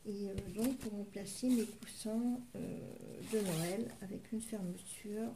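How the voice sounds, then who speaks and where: A woman's voice: mid-range voice, unhurried, background noise. A woman casually presenting her shopping haul, hesitant and full of fillers as she describes each item step by step. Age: adult parent.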